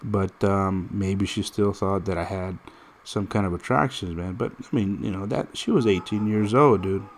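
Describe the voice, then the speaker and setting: A deep-voiced American man in his thirties talks at normal speed with hardly any pauses as he plays a mobile fighting game. He rambles casually through stories, direct in manner and restarting often.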